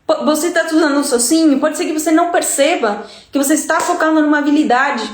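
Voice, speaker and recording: A Uruguayan-accented woman with a high voice teaches Spanish in a chatty live-stream lesson. She keeps checking in with her listeners as she goes. Her voice bounces around a roomy, echoing space. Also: fast.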